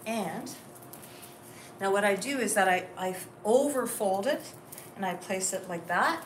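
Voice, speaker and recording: A woman stylist talks through outfits in a chatty way and keeps checking in with the people around her. Her voice rings around a roomy space and sits back from the mic. Steady background noise runs underneath. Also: mid-range voice, measured pace. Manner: chatty, keeps asking "okay?". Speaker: host, stylist. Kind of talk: casual styling demo. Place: clothing store. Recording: roomy, distant mic, noisy.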